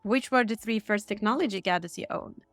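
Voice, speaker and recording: A woman hosting a podcast, reading set interview questions in a steady, bright tone. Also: medium pitch, a little fast, vocal fry, dry recording, faint music behind. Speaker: podcast host. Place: Stockholm.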